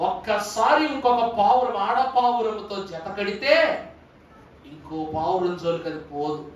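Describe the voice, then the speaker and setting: A man's voice: high-pitched, slight background noise. A man preaching a Sunday sermon as pastor, asking the congregation question after question and checking that they follow. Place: church service. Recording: echoey church hall from far off.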